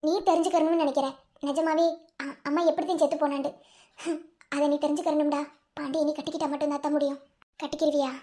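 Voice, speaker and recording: A performer voicing a dead mother who speaks gently and pleadingly to her daughter in a dream, with a Madurai Tamil accent. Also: sits high, flat delivery, fast, lightly acted. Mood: tender pleading.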